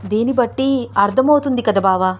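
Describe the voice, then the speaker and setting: A woman's voice: on the high side, brisk, lightly acted. A woman voicing an anxious young woman in a storybook reading, urging her companion to leave.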